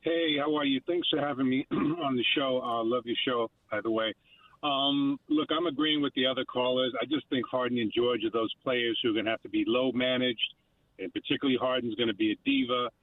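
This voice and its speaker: A man calling in to a sports radio show from his car over a clipped phone line, polite, clearing his throat and pausing on fillers. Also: mid-range voice, fairly even intonation. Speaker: caller.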